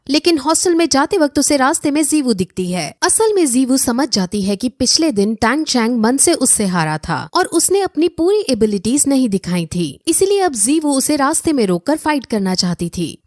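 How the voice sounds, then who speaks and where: A woman narrating an anime plot recap as a steady retelling, mixing in English loanwords. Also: sits high, no room sound, clean studio sound.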